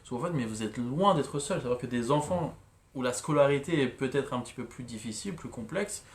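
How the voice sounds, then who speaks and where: A man co-hosting a casual live discussion, supportive and quick with replies. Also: mid-range voice, expressive. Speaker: co-host psychologist. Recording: echoey room.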